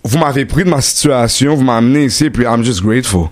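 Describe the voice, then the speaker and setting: A young man with a Franco-Ontarian accent, a guest comedian telling lively stories in a casual radio interview, mixing English slang into his French. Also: medium pitch, quick pace. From Ottawa, Canada.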